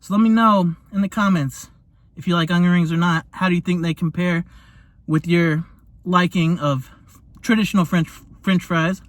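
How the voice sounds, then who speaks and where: A young man reviewing fast food in a casual taste-test vlog, talking while he eats and gushing in slang. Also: high voice, steady tone, no echo. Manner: talks while eating.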